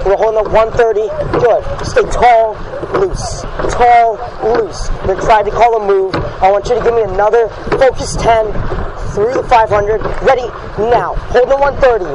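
High-pitched male coxswain over loud noise. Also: fairly even intonation, normal speed. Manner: commanding, urgent, clipped repeated counts. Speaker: rowing coxswain. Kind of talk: shouted race calls to a crew. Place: outdoors in a rowing boat on a lake. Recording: noisy outdoor cox recording on water. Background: loud boat and water noise.

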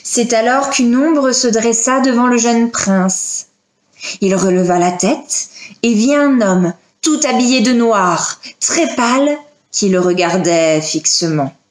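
A woman's voice: fairly high pitch, roomy sound. A woman reading a children's tale aloud, voicing the characters as she goes. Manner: slow, expressive storytelling with voiced characters. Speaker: librarian reading a story.

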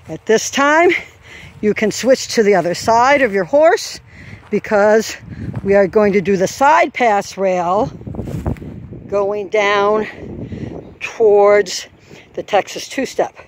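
A woman's voice: medium pitch, expressive, slow pace, long pauses, a little hiss or hum. A woman walking an outdoor farm trail course, calling out steps and the trot rhythm as she explains each obstacle. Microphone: handheld camera while walking. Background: faint outdoor farm ambience.

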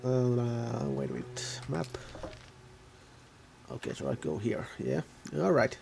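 A man's voice: medium pitch, sing-song, takes it slowly, gravelly, noisy background. A man giving casual, rambling gameplay commentary, often correcting himself mid-sentence. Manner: rambling, self-correcting, offhand. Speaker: gaming video host.

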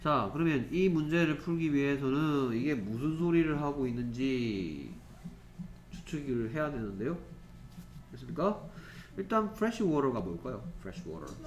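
A man teaching a middle-school English class, reading English sentences slowly and often checking with the students whether they follow. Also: mid-range voice, lively intonation, echoey room, slight background noise. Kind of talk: classroom lecture.

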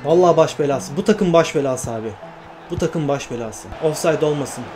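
Excitable man playing a football game. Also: on the high side, moderate pace, faint music behind. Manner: exclaiming and repeating phrases. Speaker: gaming YouTuber.

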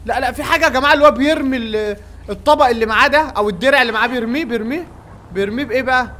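A man with an Egyptian accent giving excited gameplay commentary, yelling at the game's characters. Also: very high-pitched, racing, a little hiss or hum. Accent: Egyptian Arabic. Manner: excitable, yells at game characters. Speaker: gaming YouTuber.

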